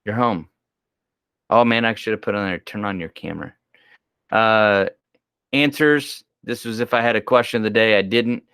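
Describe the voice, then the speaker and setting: A man with a low voice hosts homeroom news, talking loosely and cracking jokes between items. He sounds sleepy and keeps yawning. The recording is dry and close. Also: moderate pace, pauses often, fairly bright tone, clean tone, no echo. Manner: chatty and joking, yawning, thinking aloud. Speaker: school homeroom news host. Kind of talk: casual school announcements.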